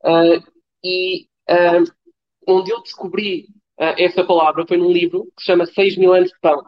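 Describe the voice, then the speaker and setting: Guest: man, fairly high and flat voice, dull lo-fi sound, hesitant explainer. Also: moderate pace. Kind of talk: podcast interview.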